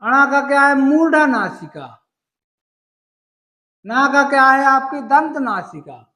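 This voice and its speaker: A man's voice: extremely high pitch, animated, takes it slowly, pushed and bright, roomy sound, low-quality recording. A male Sanskrit teacher from gives an exam-prep lesson, using homely examples and asking and answering his own questions.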